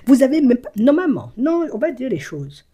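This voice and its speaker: A woman talking straight to the viewer in a casual monologue, teasing and mocking as she swings between soft murmurs and loud exclamations, with tag phrases dropped in all the time. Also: sits high, very animated, fairly quick, husky. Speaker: video creator speaking to the viewer. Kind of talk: casual direct-to-camera monologue.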